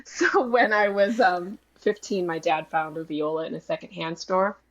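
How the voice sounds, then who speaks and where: Young woman violist, low voice, giggly, dull audio. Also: normal speed. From northern Idaho. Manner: giggly, hesitant with "um"s. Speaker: violist, guest. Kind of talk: casual interview talk.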